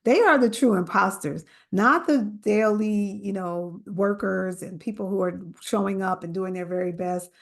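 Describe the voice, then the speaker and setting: A woman's voice: medium pitch, normal speed, vocal fry, few pauses. A middle-aged woman from New Jersey, an author speaking earnestly and emphatically in an interview. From New Jersey, USA. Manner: earnest, emphatic, quotes others in animated voices. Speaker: author guest. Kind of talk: interview conversation.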